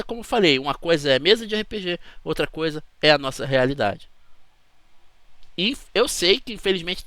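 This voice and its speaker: A man's voice: a little high, a bit bright, dry recording. A man with a Brazilian Portuguese accent, hosting his channel in a chatty, rambling talk to camera that keeps checking in with the listener. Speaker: channel host.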